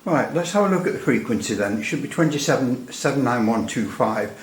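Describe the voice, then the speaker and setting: A radio hobbyist walks through a repair at his workbench, speaking briskly in a mid-range voice with lively intonation. The demo is casual and unplanned, rambling and hesitant but laced with dry humour, and the room echoes.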